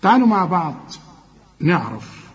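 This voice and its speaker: A man's voice: high voice, big pitch swings, lo-fi sound. Egyptian man teaching Quran recitation. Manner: explains rules, then slowly drawls out sounds. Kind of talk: tajweed lesson with recited verses.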